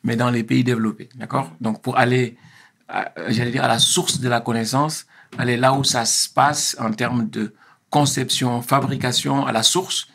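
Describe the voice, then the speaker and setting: A man, speaking as an interview guest in a measured, hesitant way with many pauses and restarts. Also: mid-range voice, steady tone, vocal fry, a bit bright, husky. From Senegal. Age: 50s. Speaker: interview guest, engineer and consultant. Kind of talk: casual interview.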